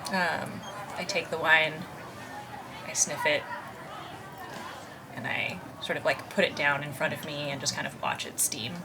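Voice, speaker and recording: A woman's voice: low voice, fairly even intonation, a little slow, pauses often, background noise. A woman playing in a tabletop game, describing her character with lots of "like" and "sort of.". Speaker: player.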